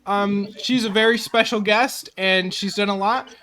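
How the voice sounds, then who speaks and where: Young male podcast host, high pitch, friendly and casual. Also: steady tone, measured pace, sharp tone. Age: young adult. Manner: friendly, hesitant with ums.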